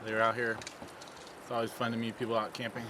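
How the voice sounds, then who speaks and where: A man hosts a camping vlog in relaxed, joking chatter. He speaks at an ordinary pitch outdoors. Steady background noise sits under the camera audio. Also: fast. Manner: easygoing, joking. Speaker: vlog host. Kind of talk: casual vlog chat. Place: outdoor campsite.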